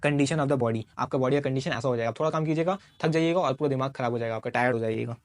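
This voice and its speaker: A man's voice: medium pitch, racing, dry recording. A man teaching a school science lesson online, explaining terms with everyday examples and repeating key words. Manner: addresses the viewer as "sir" and mixes in English terms. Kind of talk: online class lecture.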